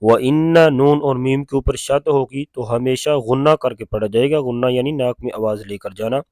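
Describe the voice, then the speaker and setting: A man with an Urdu accent teaching Quran recitation, chanting verses slowly and then explaining the rules in quick plain speech. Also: mid-range voice, fairly even intonation, a little mellow, dry recording. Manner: alternates slow drawn-out recitation with quick spoken explanation. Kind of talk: tajweed lesson with slow recitation.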